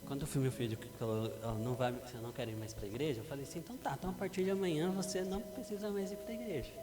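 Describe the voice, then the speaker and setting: A middle-aged Brazilian man preaching a sermon as pastor, lively and acting out parents and teens in a church hall. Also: fairly high pitch, racing. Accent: Brazilian Portuguese. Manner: animated, acts out parents and teens. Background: background music.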